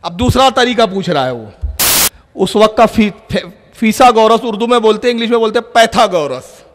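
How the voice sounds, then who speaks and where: A man preaching a sermon to a gathering, telling a story and acting out its dialogue, sometimes rising to shouts. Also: high voice, animated, a little hiss or hum. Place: public religious gathering. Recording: long reverb of a large hall.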